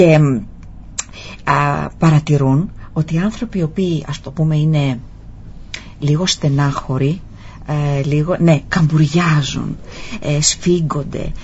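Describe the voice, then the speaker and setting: A woman hosting a talk show, speaking softly and telling stories with pauses and fillers. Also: low-pitched, a little hiss or hum. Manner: soft-spoken, storytelling with pauses and fillers. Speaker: host. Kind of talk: reflective talk-show conversation. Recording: dull lo-fi sound.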